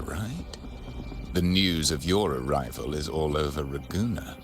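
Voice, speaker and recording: A man's voice: extremely low pitch, heavily acted. A man voicing a sinister, devout male cultist noble in a video game, solemn and menacing. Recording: game audio with music behind.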